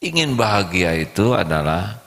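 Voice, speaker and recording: A male preacher delivers a slow storytelling sermon in a low, gravelly voice. His words ring with a long reverb in a large hall. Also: big pitch swings, fairly bright tone.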